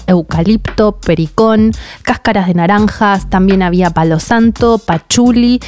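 A woman, telling a personal story in a casual, animated way and laughing often as she talks. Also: mid-range voice.

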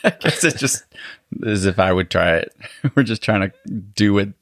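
A man hosting a podcast interview, asking quick, curious questions and laughing often in casual chat. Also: fairly low pitch, lively intonation, fairly bright tone, no echo, studio quality. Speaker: podcast host.

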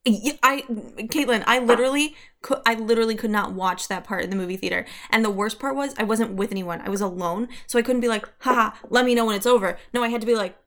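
A woman's voice: fairly high pitch, quick pace, few pauses, fairly bright tone. A young woman co-hosting a podcast, chatting casually through ghost stories with lots of fillers and self-corrections. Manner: chatty, many fillers and restarts, laughs at herself. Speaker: podcast co-host.

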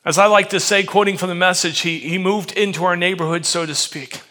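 Male pastor, middle-aged, high bright voice, earnest sermon storyteller. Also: fairly even intonation, a little fast. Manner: earnest, builds to softer, emotional moments.

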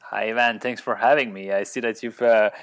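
Interview guest: man, 30s, French accent, deep voice, hesitant and full of restarts. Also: fairly even intonation, a little fast. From France. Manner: hesitant, many restarts and fillers. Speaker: guest, company founder. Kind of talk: casual interview.

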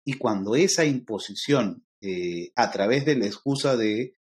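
A man's voice: lowish voice, animated, measured pace. A middle-aged man from Lima with a Peruvian accent, explaining ideas to a podcast host in a lecturing way, with frequent fillers like "este". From Peru. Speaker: guest expert on interculturality.

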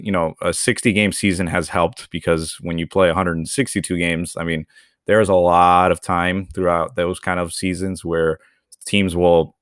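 A man's voice: low voice, fairly bright tone, no room sound, studio quality. A young man from Venezuela, co-hosting a podcast, explaining at length in a casual, rambling way. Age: young adult. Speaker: podcast co-host. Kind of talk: casual chat.

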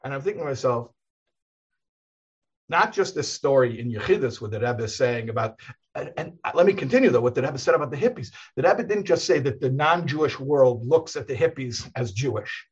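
A rabbi talks through a long, rambling story in a relaxed chat, chuckling and restarting his sentences as he goes. His voice is husky and slightly rough. The recording sounds dull and muffled, as if the highs were cut off. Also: a little fast. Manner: rambling, animated, chuckles often, many restarts. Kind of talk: casual storytelling conversation.

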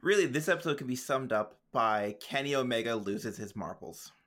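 A man's voice: medium pitch, animated, moderate pace, a bit bright. A man co-hosting a podcast, chatting casually with easygoing dry asides and frequent laughs. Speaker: podcast co-host. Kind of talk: casual chat recapping a show.

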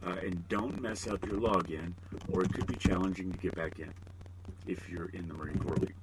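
Rambling, self-mocking podcast host, low voice. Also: male voice, steady tone, brisk, heavy background noise. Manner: rambling and self-deprecating, joking asides. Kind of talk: casual solo podcast monologue.

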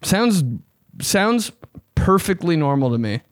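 Male, frat-bro delivery with lots of slang and swearing, lively varied pitch, dry close sound, comedic advice host. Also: slow, no room sound. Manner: frat-bro talk, slangy with "bro", "dude", "man"; profane, blunt. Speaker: host giving love advice. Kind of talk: casual comedic chat.

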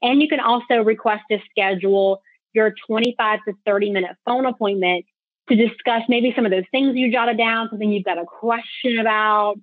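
A woman's voice: on the high side, fairly quick, no room sound. A woman financial advisor giving an informal webinar, talking conversationally and directly to her listeners. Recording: tinny phone-like line.

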